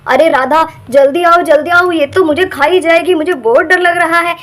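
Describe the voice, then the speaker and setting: A woman's voice: sits high, sing-song, measured pace, dark tone, voice pushed down. A woman doing a frightened pleading husband. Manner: pleading, begging. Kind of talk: homemade doll drama voice acting.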